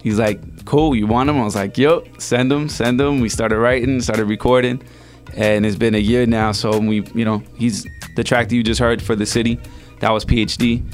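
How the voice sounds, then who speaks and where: On a casual radio show, a Salvadoran rapper guest tells his story in a loose, slangy, relaxed manner. His mid-range voice holds a steady tone at a normal speed, with soft music playing behind him.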